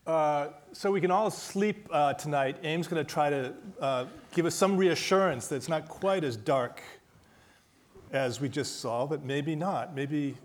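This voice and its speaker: A man's voice: on the high side, a little slow. Man moderating a public talk. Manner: loose, filler-heavy introduction. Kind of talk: introducing a speaker at a public event.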